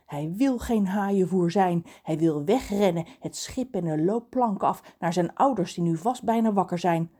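A woman narrating a children's audiobook in an expressive storytelling manner. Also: lowish voice, normal speed, hardly any pauses, husky.

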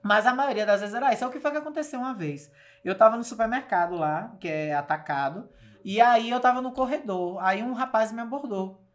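A woman, a journalist telling stories in a colloquial, animated way during an interview. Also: a little high, a little fast. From Bahia, Brazil. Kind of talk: casual storytelling interview.

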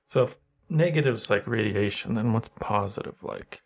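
A man with a gravelly, creaky voice, joking around as a player in a casual tabletop game. His voice sits a bit low, and his talk is loose and playful. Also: normal speed. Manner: joking, laughs often.

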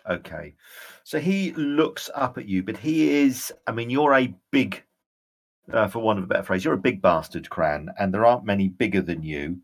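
A man running a tabletop role-playing game as game master, describing scenes in a halting way. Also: fairly low pitch, lively intonation.

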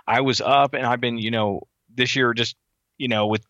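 A man's voice: mid-range voice, fairly even intonation, a bit bright, dry recording, highs cut off. A man co-hosting a hunting podcast over a call, telling stories in a chatty, casual way and laughing often. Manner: chatty storyteller, quick to laugh. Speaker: podcast co-host. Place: remote call from home.

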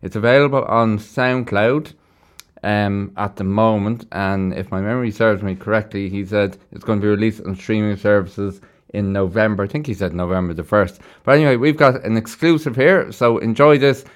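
A man presents a live radio show from a studio in a casual, chatty, informal way. His voice sits on the low side with a steady tone and moderate pace, picked up on a close studio microphone.

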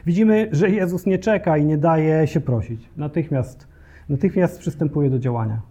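Earnest male preacher with a mellow voice. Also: fairly high pitch, moderate pace. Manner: earnest, addresses the congregation directly, occasional hesitation fillers. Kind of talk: sermon.

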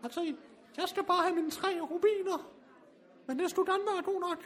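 Eccentric wizard, extremely high voice, chatty, bossy, comic drama. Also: male voice, fairly bright tone. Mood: chirpy, busy. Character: eccentric male wizard brewing purple potions, cheerfully bossy. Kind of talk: comic role-play drama.

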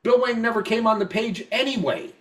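A man's voice: extremely high pitch, brisk, far from the mic. Tipsy, swearing man ranting on a podcast. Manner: rambling, profane, heated. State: drunk. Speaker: podcast co-host. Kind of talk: casual podcast rant.

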